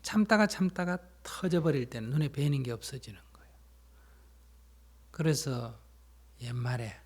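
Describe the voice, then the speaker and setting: A man, a Buddhist monk, giving a dharma talk that explains and tells stories, sometimes asking his listeners questions and dropping to a soft, whispery emphasis. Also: medium pitch, moderate pace, breathy edge. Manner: plain explanatory storytelling, asks listeners questions.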